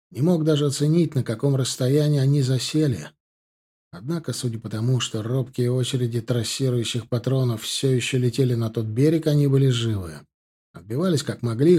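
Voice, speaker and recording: Narrating a novel in the first person for an audiobook, this man keeps a steady, measured delivery; his mid-range voice has a slight roughness.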